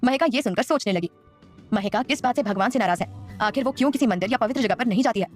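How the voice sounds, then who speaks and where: Woman telling a serial audio story, steady narration, slightly high pitch. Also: fast, soft background music. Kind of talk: scripted audio-drama narration.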